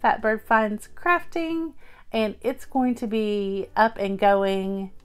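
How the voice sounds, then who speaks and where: A woman's voice: mid-range voice, steady tone, slow, smooth. A middle-aged woman casually showing her thrift store finds on a tabletop, chatty and upbeat, with plenty of fillers. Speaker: thrift haul vlogger. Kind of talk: casual haul show-and-tell. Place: indoors at a table.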